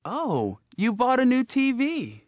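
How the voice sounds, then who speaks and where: Very animated voice reading example sentences. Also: medium pitch, slow, no room sound, clean studio sound. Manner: clearly enunciated reading. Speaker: speaker on a textbook audio.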